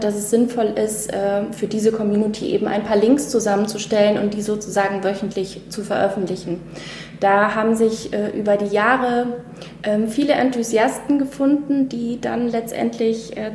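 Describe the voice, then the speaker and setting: A woman speaks in a relaxed podcast chat, pausing often with fillers. Her voice carries a roomy echo with a faint hiss of noise behind it. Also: a little high. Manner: hesitant, many fillers. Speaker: podcast guest, editor. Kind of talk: casual podcast talk.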